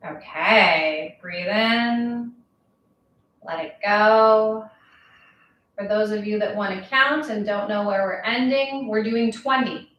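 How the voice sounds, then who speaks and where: A woman instructor leading a yoga class, talking calmly and slowly with a gently playful touch. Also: medium pitch, lo-fi sound, a little hiss or hum. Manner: calm, slow, gently playful. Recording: very echoey room, voice from far off.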